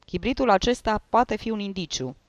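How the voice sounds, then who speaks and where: Un bărbat jucând tânărul asistent Diucovski, vioi. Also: male voice, high-pitched, expressive, dry recording, lo-fi sound, voice pushed up. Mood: eager. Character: young male assistant investigator, eager and talkative.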